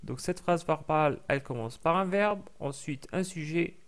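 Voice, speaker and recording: Patient male language teacher, slightly high voice. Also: moderate pace. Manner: patient explaining with many fillers and repeated example sounds. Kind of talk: recorded language lesson.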